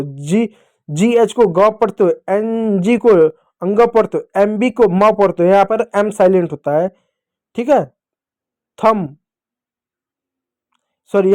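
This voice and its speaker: Man, high-pitched, Indian Hindi accent, patient children's teacher, repeats key points. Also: a little mellow. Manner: patient, repeats key points, asks and answers own questions. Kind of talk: classroom lesson to children.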